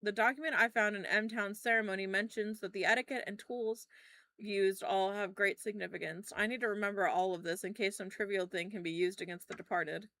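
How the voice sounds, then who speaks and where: A woman playing a game and commenting as she goes, reading game text aloud in an expressive, reactive way with casual swearing. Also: medium pitch, brisk, no echo. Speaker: game streamer. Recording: clearly noisy background.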